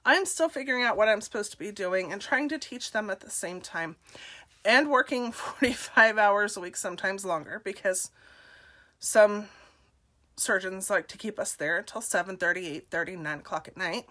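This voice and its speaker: Bright-voiced candid woman. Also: medium pitch. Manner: candid, self-deprecating, laughs often. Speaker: nurse and direct seller. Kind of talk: personal story to camera.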